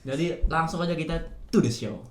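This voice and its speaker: A man's voice: fairly high pitch, a little fast, crowd noise. A man with a Jakarta Indonesian accent hosting a podcast in casual, slangy chat. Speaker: podcast host. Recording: echoey room, clear background noise.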